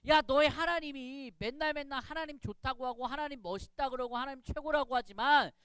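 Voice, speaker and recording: A man voicing a boastful giant enemy warrior who taunts loudly in a children's Bible story. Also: extremely high pitch, a little fast, no echo, voice pushed up. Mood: mocking. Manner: taunting, loud.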